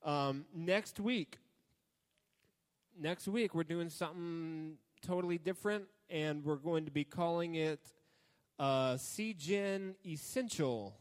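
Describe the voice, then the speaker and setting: A young man giving a casual youth sermon as youth pastor, relaxed and prone to joking asides. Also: fairly high pitch, smooth, long reverb tail. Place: church hall.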